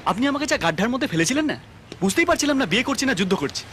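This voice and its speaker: An actor playing an exasperated young newlywed who pleads in a comic film. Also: male voice, very high-pitched, big pitch swings, very fast, sharp tone, a little hiss or hum, full character voice. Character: anxious newlywed young man on his honeymoon. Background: film score.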